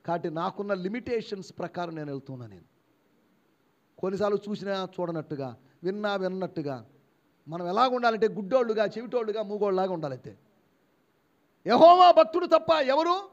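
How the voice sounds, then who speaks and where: Fifties male pastor, high voice, animated sermon with shouted peaks, dull lo-fi sound. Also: fast. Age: 50s. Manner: animated preaching, rising to loud emphatic shouts, acting out imagined replies. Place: church.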